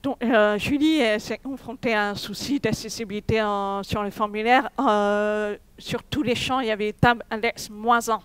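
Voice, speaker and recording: A woman's voice: mid-range voice, fairly even intonation, moderate pace, hardly any pauses, smooth, no room sound. A young woman giving a technical conference talk, hesitant, with many fillers and restarts. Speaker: conference speaker. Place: conference hall.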